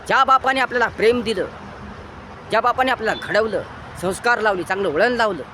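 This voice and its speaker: Fervent high-voiced Marathi man lecturing. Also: fast talker, a little hiss or hum. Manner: preachy, repetitive, swings between loud emphatic bursts and low quiet lines. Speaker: motivational speaker. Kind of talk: impassioned moral lecture.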